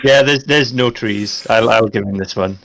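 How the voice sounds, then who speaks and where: A man's voice: on the low side, normal speed, vocal fry, a bit bright, poor audio. A man talking casually as a player in a tabletop role-playing game.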